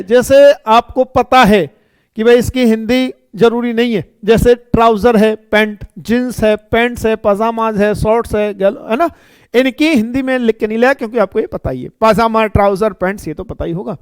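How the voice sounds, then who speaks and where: A man's voice: extremely high pitch, clean tone, no room sound. A man teaching an English grammar class, explaining step by step, repeating himself and checking in with his students. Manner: explains slowly and repeats, often checking with "ठीक है" and "है ना". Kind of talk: classroom lecture.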